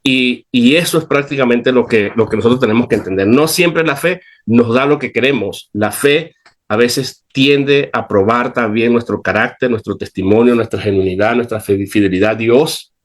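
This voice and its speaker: A man's voice: mid-range voice, normal speed. A man giving a conversational Bible teaching, earnest and emphatic in a preacherly way.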